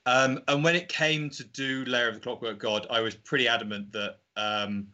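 Bright-voiced man chatting as interview guest. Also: medium pitch, fairly even intonation, moderate pace, highs cut off. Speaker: indie game developer, podcast guest. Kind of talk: casual interview chat.

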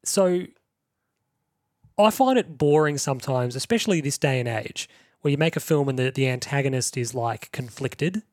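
A man co-hosting a podcast in casual chat, animated and laughing often as he acts out movie quotes. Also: mid-range voice, moderate pace, dry recording, clean studio sound. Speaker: podcast co-host.

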